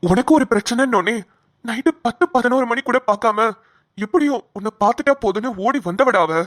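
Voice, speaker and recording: A woman's voice: a little high, fairly quick, close to an everyday voice. A woman voicing a hot-headed, protective young man in a cartoon who broods over his choices. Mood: worried. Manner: brooding, talks to himself. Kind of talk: Tamil cartoon voice acting.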